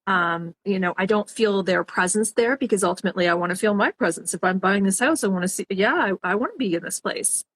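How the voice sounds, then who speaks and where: A woman's voice: medium pitch, quick pace, hardly any pauses, a bit bright. Woman organizer giving practical advice. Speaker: professional organizer, guest. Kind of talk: casual interview chat.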